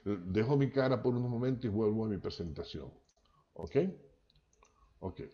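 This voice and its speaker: Over dull, lo-fi video call audio, a Maracaibo-born Venezuelan man lectures on linguistics in a chatty way, frequently ending lines with "¿ok?" to check in. He's a professor whose voice is on the low side and dark in tone, at normal speed.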